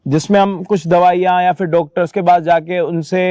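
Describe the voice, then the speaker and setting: A man's voice: high-pitched, fairly even intonation, normal speed, warm tone, no room sound. A man hosting and explaining a staged family dispute in a blunt, lecturing way. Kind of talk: casual commentary.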